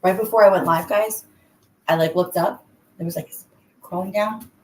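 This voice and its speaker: Speaking at a moderate pace in a medium-pitched voice, this female livestream host chats casually from an indoor bathroom and calls out to viewers by name as they arrive. The room is echoey, with distinct background noise.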